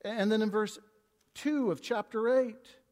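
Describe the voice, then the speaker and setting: A man preaching an expository sermon, reading scripture aloud and swinging between hushed and emphatic delivery, with stumbling restarts. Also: high voice, a little slow. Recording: long reverb of a large hall.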